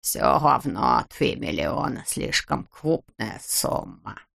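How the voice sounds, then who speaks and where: Reader doing gravelly lisping stingy rich man. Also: medium pitch, slow, sharp tone, full character voice. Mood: grudging haggling. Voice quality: lisps, says F instead of R. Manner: grumbling, haggling. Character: stingy grumbling rich male shorty. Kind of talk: audiobook character voice.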